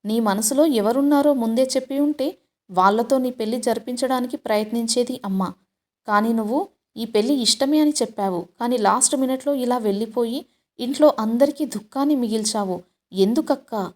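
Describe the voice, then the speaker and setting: A woman's voice: fairly high pitch, a little fast, darkish tone, lightly acted. A woman voicing a worried young woman who pleads with her missing sister in a storybook. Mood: pleading. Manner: pleading, searching questions.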